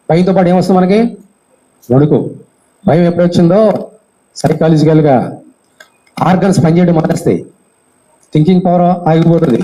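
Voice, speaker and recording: A man's voice: a little high, dark tone, poor audio. A male pastor giving a sermon, often asking the congregation questions and acting out the voices of Bible figures. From India.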